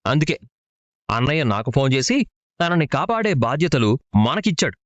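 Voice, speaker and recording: A man's voice: medium pitch, very animated, moderate pace, dry recording, lo-fi sound, lightly acted. An actor playing a talkative, theatrical young man who speaks in grand, long-winded phrases. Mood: grandiose. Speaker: actor in a TV serial. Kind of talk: TV serial acting.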